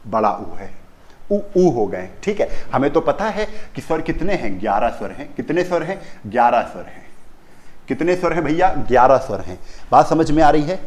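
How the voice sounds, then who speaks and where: A male teacher takes a class through where each sound is made. His voice sits a little high for a man, and he says each term twice before he asks the class for it again. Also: very animated, normal speed, darkish tone. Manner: repeats key terms, asks the class questions. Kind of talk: classroom lesson on pronunciation.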